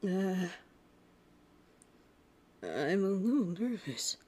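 A woman voicing a shy, flustered young male cartoon hedgehog hero in love, husky and hesitant, in an intimate ASMR roleplay. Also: medium pitch, very animated, very slow, dark tone, exaggerated voice. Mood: nervous, bashful. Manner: hesitant, stammering, bashful.

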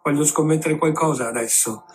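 A man's voice: fairly high pitch, a little fast, soft background music, lightly acted. A man doing a wry muttering sailor. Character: joking, cynical male first mate.

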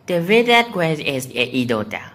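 A man's voice: on the high side, big pitch swings, normal speed, a bit bright. A young man vlogging on a phone at home, sarcastically reading out comments and answering them in a mock-offended manner. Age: teenager or young adult. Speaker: YouTuber. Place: small room at home, indoors.

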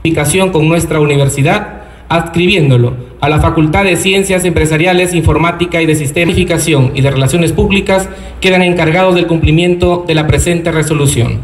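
A man's voice: a little high, a little fast, heavy reverb. A man acting as master of ceremonies, making formal announcements at a ceremony. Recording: distant PA over loud crowd and music.

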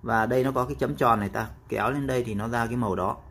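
A man explaining a phone app step by step in a casual tutorial, with frequent pauses and fillers. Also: medium pitch, fairly even intonation, a bit bright, slight background noise.

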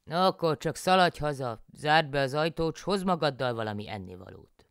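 Woman playing a grumpy peasant husband, calls out loud, scolds, gravelly, dry close sound. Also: sits low, expressive, dry recording, voice pushed up. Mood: exasperated. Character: grumbling, hungry peasant husband.

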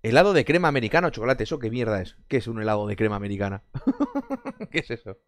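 Sarcastic man streaming, lively pitch. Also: fast, no echo. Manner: sarcastic, laughs often, swears. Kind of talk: casual live-stream chat, reading chat.

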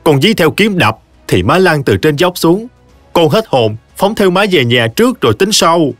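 A man's voice: medium pitch, expressive, normal speed, dry recording, lightly acted. A man voicing a scheming young son-in-law who sweet-talks, in a storytelling audiobook, over faint music. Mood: frantic.

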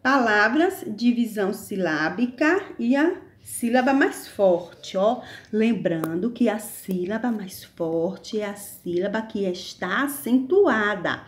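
A woman with a Brazilian Portuguese accent teaching a primary school lesson in a slow, patient, over-articulated classroom manner. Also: medium pitch, expressive. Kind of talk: recorded online lesson. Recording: echoey room.

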